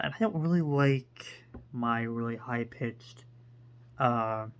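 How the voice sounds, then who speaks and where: A man chatting to the camera about books at an unhurried, drawn-out pace. He rambles and stops to hunt for words, with a voice of middling pitch for a man. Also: fairly bright tone. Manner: hesitant and rambling, full of pauses. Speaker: book reviewer. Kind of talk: casual to-camera book talk.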